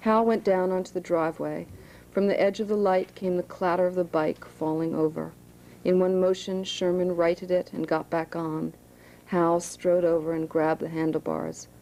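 Low gravelly woman reading aloud. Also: level tone, mellow, low-quality recording. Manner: plain, unhurried reading with asides. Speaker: author reading her novel. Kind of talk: reading a novel aloud to students. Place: high school room.

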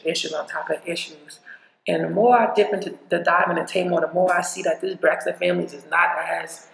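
A woman vlogger speaks bluntly and rambles through a casual opinion rant full of cursing. Her voice has a gravelly, creaky edge. The recording sounds roomy and echoey. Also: on the low side, fairly bright tone, slight background noise.

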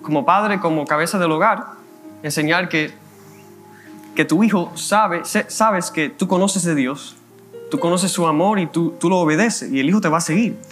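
A man with a Cuban Spanish accent giving a conversational sermon as a minister, slowing down to read scripture aloud. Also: on the high side, a bit bright, soft background music. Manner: conversational preaching, slows down reading scripture. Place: church.

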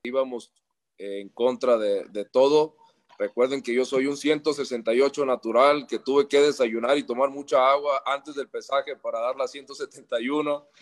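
A man's voice: mid-range voice, fairly even intonation, moderate pace. A man, a professional boxer in a post-fight interview, boasting and trash-talking his rivals.

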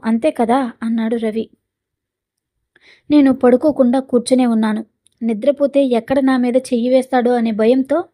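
Mellow-voiced woman narrating a story. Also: a little high. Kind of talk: first-person dramatic story narration.

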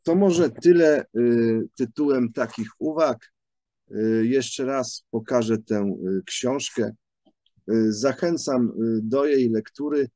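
A man gives a spoken book review at a very slow, careful pace. He keeps stopping to hunt for words, filling the gaps with long hesitation sounds. His voice sits at an ordinary middle pitch, recorded dry and close with no room echo. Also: warm tone. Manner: halting, many drawn-out "y" fillers, thoughtful.

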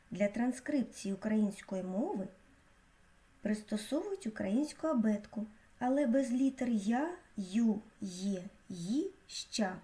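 A woman with a mellow, dark-toned voice narrates a school lesson. She speaks slowly and clearly, like a teacher, pronouncing each sound with care. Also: medium pitch. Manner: slow, clear, teacherly delivery with careful pronunciation. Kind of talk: scripted educational narration.

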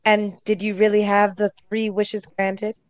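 A woman's voice: medium pitch, monotone, a little slow, no echo, highs cut off, lightly acted. Gracious, fussing older mother, played by a woman. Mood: uneasy. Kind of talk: radio play acting.

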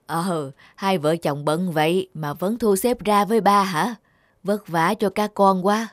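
A woman voicing a gentle, patient widowed father who talks in a soft, soothing way, with music playing behind. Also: medium pitch, a little slow, no room sound, clean studio sound, lightly acted. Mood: warm, tired. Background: background music.

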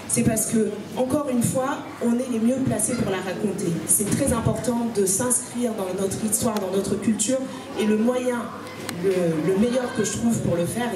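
A woman from Congo in her thirties speaks on a panel at a live event about her book, earnestly and steadily, often pausing with hesitations, into a handheld mic. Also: fairly high pitch. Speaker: author on a panel. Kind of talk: panel talk. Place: small room at a live event. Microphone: handheld microphone. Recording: roomy, from far off.

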